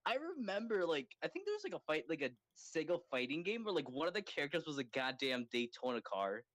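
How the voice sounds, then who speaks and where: A man co-hosting a podcast, chatting casually in an excitable, rambling way, full of "like" fillers. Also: a little high, brisk, no room sound. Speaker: podcast co-host. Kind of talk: casual chat.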